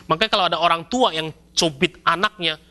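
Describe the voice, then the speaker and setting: A male pastor, preaching a sermon in a lively, storytelling way with casual slang. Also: fairly high pitch, fast. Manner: lively storytelling, acts out scenes with shouts and mock voices; casual colloquial Jakarta-style slang mixed in.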